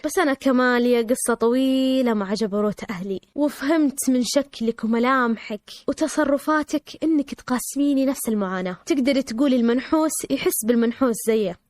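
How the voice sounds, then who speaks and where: Woman as kind soft-spoken young friend, quick and high. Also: dry recording, lightly acted. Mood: soothing. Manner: soft, reassuring.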